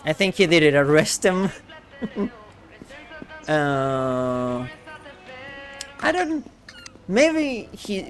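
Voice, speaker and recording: A man streaming a game, chatting casually in a hesitant way with frequent stammers. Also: on the high side. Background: game music.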